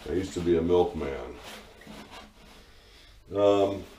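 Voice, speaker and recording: A man's voice: low-pitched, takes it slowly, warm tone, recorded from a distance, a little hiss or hum. A man narrating a casual workshop vlog as a hobby machinist, rambling along with dry, sarcastic humor. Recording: roomy echo, voice away from the mic.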